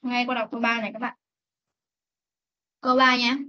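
A woman teaching an English class over a video call, reading sentences slowly for students to repeat and correcting them firmly. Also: a little high, flat delivery, sharp tone. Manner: reads English slowly for repetition, scolds firmly. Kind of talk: online class instruction. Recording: dull lo-fi meeting recording.

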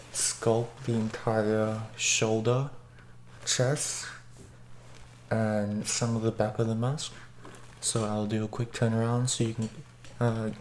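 A man speaks from behind a face mask, his delivery slow and hesitant, full of small pauses and restarts. His pitch stays flat with little rise or fall. A faint hiss of noise sits under the recording. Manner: hesitant, many ums and restarts. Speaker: mask reviewer. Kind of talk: casual product review.

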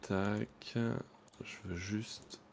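A man's voice: on the low side, fairly even intonation, extremely slow, vocal fry, slight background noise. A man streaming a video game and chatting casually as he plays. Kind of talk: casual chat while gaming.

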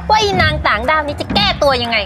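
A very high, swooping young woman's voice, playing a snobbish site office worker in a short drama. She speaks with scornful, scolding airs over clear background music. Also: very animated, quick pace. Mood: angry, contemptuous. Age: young adult. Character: haughty, sneering young female construction-site office worker. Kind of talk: acted melodrama dialogue. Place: outdoors at a building site. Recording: music under the voice.

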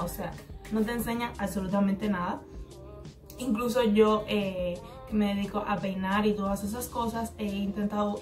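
A Cuban woman telling a hair-salon storytime on her vlog, chatty and rambling, acting out what the stylist said. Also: mid-range voice. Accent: Cuban Spanish. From Cuba. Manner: chatty, rambling, acts out the other person's replies. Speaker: hair vlogger. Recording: slightly distant mic with faint background music.

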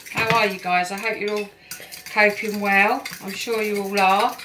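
A woman's voice: mid-range voice, level tone, normal speed, background noise. Chatty woman cooking in a kitchen. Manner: chatty, encouraging, talks to viewers as "guys". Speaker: support worker. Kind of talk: home cooking demonstration. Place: home kitchen, indoors. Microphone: phone camera on the counter. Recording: home phone recording with kitchen clatter.

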